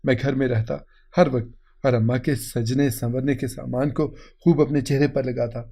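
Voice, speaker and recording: A man's voice: medium pitch, little pitch movement, gravelly, mellow. A man doing a sobbing, stammering young husband. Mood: confessing. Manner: stammering, repeating himself. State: crying. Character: anguished young husband with a shameful secret.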